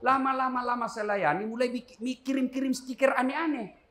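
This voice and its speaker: A middle-aged man preaching a humorous sermon to a live audience, swinging from loud, high emphasis to low asides and questioning his listeners. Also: fairly even intonation, a little fast, reverberant, slight background noise.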